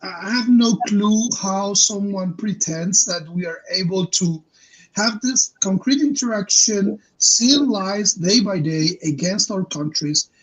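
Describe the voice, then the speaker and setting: A man with as his hosts a discussion in earnest, halting English. His voice is husky and sits high. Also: rough recording. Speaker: host. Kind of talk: discussion panel.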